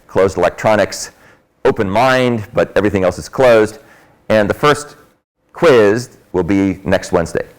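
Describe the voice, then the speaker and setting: A man giving an informal, explanatory university lecture in a classroom, his voice muffled by a face mask, with emphatic stresses. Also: fairly low pitch.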